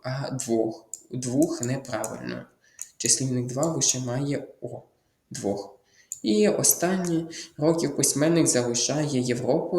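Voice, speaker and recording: A man's voice: medium pitch, echoey room. A man tutoring, explaining test answers step by step, thinking aloud with fillers and restarts and repeating key words. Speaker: Ukrainian language tutor.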